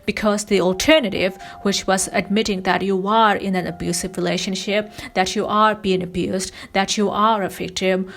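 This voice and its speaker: A woman's voice: medium pitch, gravelly, a bit bright. A woman narrating a scripted video essay, critical and analytical in her delivery. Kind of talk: scripted commentary.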